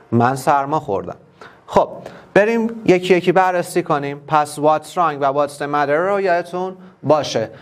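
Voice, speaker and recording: A man with a Persian accent teaching an English class online, explaining each word step by step and repeating it slowly. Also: fairly high pitch.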